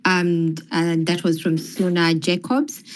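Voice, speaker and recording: A woman reading audience questions aloud from a chat, slow and deliberate with many ums. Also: fairly low pitch, level tone.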